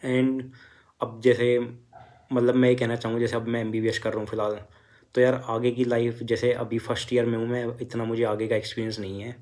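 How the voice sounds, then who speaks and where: A man's voice: medium pitch, flat delivery, a little fast, darkish tone. A young man, a first-year medical student, telling his exam story and advising students in a casual, filler-heavy way. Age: young adult. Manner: conversational, many fillers, advising students directly. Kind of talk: casual motivational talk.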